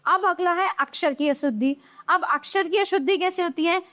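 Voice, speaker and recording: A woman with a high, bright voice gives a grammar lesson to young children. She talks in a sing-song way, her voice rising on each wrong example and dropping on each correct one. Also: normal speed. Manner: sing-song, rising on wrong forms and falling on right ones. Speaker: teacher.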